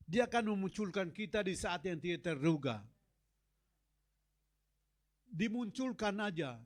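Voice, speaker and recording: A middle-aged man preaching a sermon as a pastor, telling stories and acting out dialogue with God and Moses. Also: a little high. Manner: animated storytelling, acts out God and Moses in dialogue.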